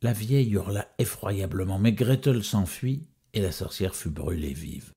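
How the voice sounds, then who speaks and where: A man narrating a fairy tale as a storyteller, with expressive, sweeping intonation. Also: fairly low pitch, measured pace, husky.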